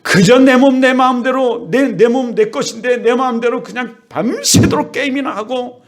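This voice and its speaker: A middle-aged man preaching a sermon as a pastor, with lively delivery that acts out children and parents. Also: very high-pitched, moderate pace.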